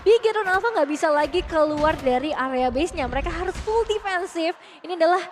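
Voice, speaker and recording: A woman's voice: very high-pitched, animated, fairly quick. A woman with an Indonesian accent giving live match analysis as an esports commentator. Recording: noisy event ambience behind voice.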